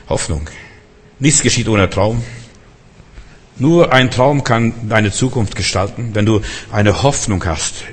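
An older man preaching a sermon, telling a story and acting out the people in it, moving from soft to emphatic. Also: mid-range voice, breathy edge. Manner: storytelling preacher, acts out quoted voices, swings from soft to emphatic. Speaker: pastor. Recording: long hall reverb.

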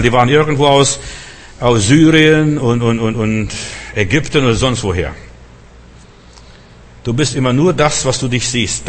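A middle-aged man preaching a sermon, pressing his listeners with repeated urgent questions. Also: mid-range voice.

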